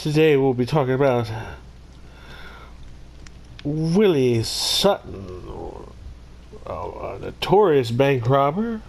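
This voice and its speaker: A man's voice: medium pitch, a little mellow. A man hosting his own video, casually narrating a criminal history and breaking off into rambling jokey asides. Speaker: YouTube host. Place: Missouri.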